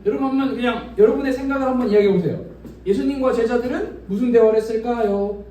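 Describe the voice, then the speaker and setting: A man's voice: very high-pitched, quick pace, warm tone. A man giving a children's sermon in a church, asking the kids questions and acting out imagined dialogue. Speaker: children's ministry preacher. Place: church worship room. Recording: very echoey room, from a distance.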